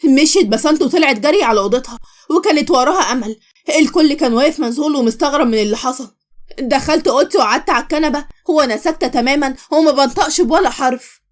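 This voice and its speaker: A woman with an Egyptian Arabic accent narrating a story and voicing all of its characters. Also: high-pitched. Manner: quick, expressive, switches voices between characters.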